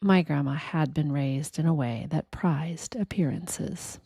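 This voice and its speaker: A woman gives a quiet, reflective scripted reading in a gentle, deliberate manner, leaving pauses between short phrases. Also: low voice, creaky, breathy edge, no room sound, studio quality. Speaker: narrator of a reflective spiritual reading.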